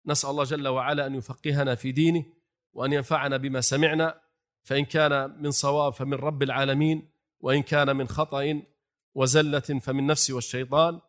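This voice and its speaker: A man's voice: mid-range voice, little pitch movement, fast, fairly bright tone. Man giving an Islamic lecture. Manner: addresses listeners as brothers, asks rhetorical questions and answers them; demonstrates the call to prayer phrases aloud. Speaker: religious teacher.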